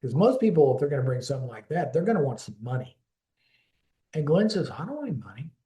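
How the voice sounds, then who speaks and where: This fifties-aged man, being interviewed casually for an oral history, rambles through a long tale about a friend, restarting often and performing the quoted lines. He talks fast and very animatedly in a slightly high, dark voice, captured in a roomy space.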